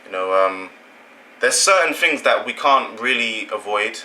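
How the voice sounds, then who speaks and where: Lowish and sharp-toned, with lively intonation and no rush, this young English man talks through an opinion on his own channel. He meanders conversationally and keeps correcting himself. The recording is rough, with slight background noise.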